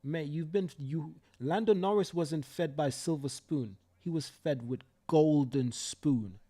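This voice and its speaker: Fairly high-pitched and mellow, a young Jamaican man talks a little slowly while hosting a live stream. His commentary is heated: fierce, full of swearing, and repetitive for emphasis.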